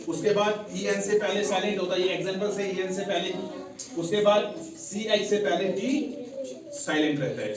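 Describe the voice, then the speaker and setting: Male classroom teacher, high voice, methodical speller; recorded from afar with students murmuring around. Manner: spells words letter by letter, keeps checking understanding. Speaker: English teacher. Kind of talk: classroom lecture. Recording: very echoey room, mic far off, students' voices.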